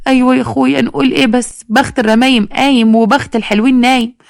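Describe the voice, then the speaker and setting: A woman voicing a loud, battered Egyptian wife who wails, bargains and drops folk sayings. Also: high voice, steady tone, very fast, creaky, dry recording, clean studio sound, pitched above the performer's own voice. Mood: complaining, wailing. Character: battered chatty local wife, loud and complaining.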